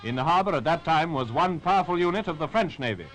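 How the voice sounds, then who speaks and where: A man narrates a 1940s newsreel in British Received Pronunciation, his voice pitched fairly high. His delivery is formal, rousing and patriotic, with music playing behind him on the period recording. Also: animated, fast, a bit bright, poor audio.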